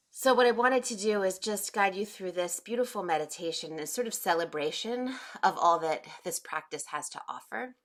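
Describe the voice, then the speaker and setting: A woman in her forties guides a meditation class in a low, gentle voice. She speaks unhurriedly, pausing often with soft fillers as she talks the group into slowing down. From United States. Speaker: meditation teacher.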